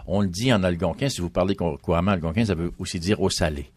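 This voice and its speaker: A man's voice: deep voice, quick pace, darkish tone, no echo. A man, a history guest explaining at length in a radio interview and listing names one after another.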